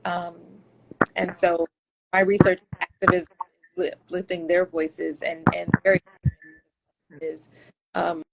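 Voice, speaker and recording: A woman speaking as a guest researcher in a casual interview, earnest and thoughtful, often pausing and restarting her sentences. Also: on the low side, little pitch movement, gravelly, heavy background noise.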